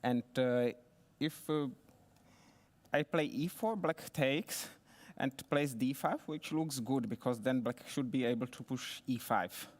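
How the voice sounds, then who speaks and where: A man speaking as a chess player and interview guest, explaining his game move by move in a halting, methodical way. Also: mid-range voice. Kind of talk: post-game analysis. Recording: reverberant hall acoustics.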